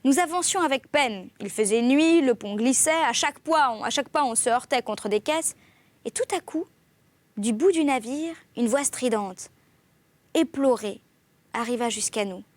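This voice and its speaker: This is a woman reading a classic novel aloud, in an expressive literary style. Her voice sits high, and the recording is close and dry with no room sound. She gives each exclamation a clear lift. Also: moderate pace, no echo. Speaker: audiobook reader.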